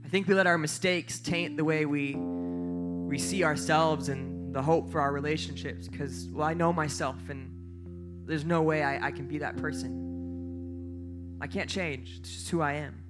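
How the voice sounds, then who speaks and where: A young adult man preaching a sermon as pastor, telling stories in a lively way and jumping up in pitch when he acts out lines. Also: unhurried, music in the background. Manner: lively storytelling, voice jumps up for quoted lines.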